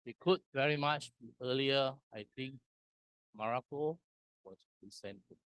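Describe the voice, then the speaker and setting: Guy from singapore presenting at a conference, real slow and deliberate, dry close sound. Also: mid-range voice, a bit bright, clear, resonant tone, dry recording. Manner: slow and deliberate, pausing between short phrases. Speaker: conference speaker. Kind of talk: conference presentation walking through slides. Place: conference hall.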